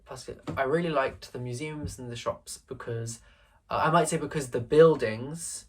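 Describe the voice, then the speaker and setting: A late-teen language tutor from England works through an exam paper in a screen recording, thinking aloud with lots of hesitations and fillers. His voice is medium-pitched and darkish, at a normal pace, with a little hiss or hum in the audio.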